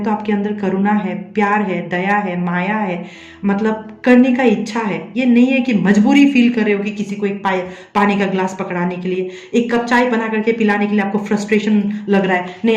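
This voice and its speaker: A woman's voice: medium pitch, darkish tone, roomy sound, lo-fi sound. A woman speaks to viewers as a tarot reader and psychic medium, coaxing them along and checking again and again that they follow. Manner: coaxing, repeats a tag question to check the listener follows. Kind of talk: addressing viewers directly in a tarot reading.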